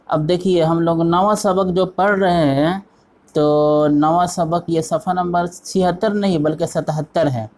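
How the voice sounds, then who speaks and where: A man's voice: high-pitched, fairly even intonation, a little mellow. A man teaching an online textbook lesson, patiently explaining step by step and repeating each word while quizzing the listener. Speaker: Arabic teacher.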